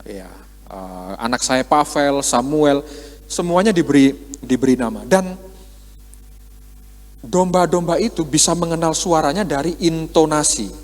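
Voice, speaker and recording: A man's voice: a little high, measured pace, pauses often. A male pastor preaching a sermon in a conversational way, asking rhetorical questions and acting out quoted dialogue in a church. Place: church hall. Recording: long hall reverb.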